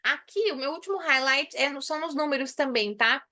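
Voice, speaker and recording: A woman from Brazil teaching an English lesson, explaining patiently and slowly repeating English phrases. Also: high voice, bright, forceful tone. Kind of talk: online English lesson in Portuguese.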